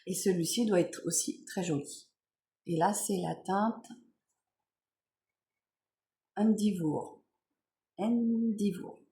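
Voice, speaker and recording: A woman vlogger chatting casually while unboxing beauty products, relaxed, with many fillers and self-corrections. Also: lowish voice, unhurried.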